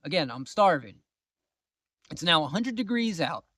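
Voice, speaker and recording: A man casually telling a long personal story to the camera, exasperated at times and dropping to low mutters. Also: sing-song, normal speed, bright, forceful tone, no echo, studio quality. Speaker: vlogger.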